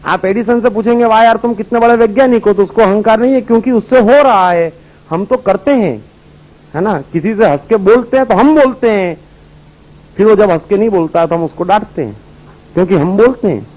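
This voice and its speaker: Man, raised pitch, spiritual teacher telling anecdotes, muffled lo-fi old tape. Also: a little fast. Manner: storytelling, rhetorical questions, voices characters in anecdotes. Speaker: spiritual speaker. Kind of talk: spiritual discourse with parables. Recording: dull lo-fi old recording.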